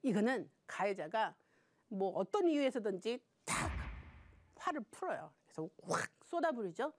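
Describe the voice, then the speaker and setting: A woman lecturer with a fairly high voice that swings widely in pitch. She addresses her audience directly, throws out rhetorical questions and acts out short scenes as she teaches. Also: moderate pace. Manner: animated, acts out little quoted scenes; talks straight to the audience with frequent rhetorical questions. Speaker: professor giving a lecture.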